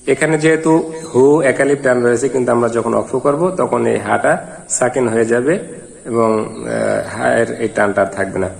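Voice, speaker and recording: A man teaching Quran reading, spelling out syllables one by one and then chanting the verses in a drawn-out melody. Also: medium pitch, vocal fry. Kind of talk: slow step-by-step recitation lesson. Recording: long hall reverb.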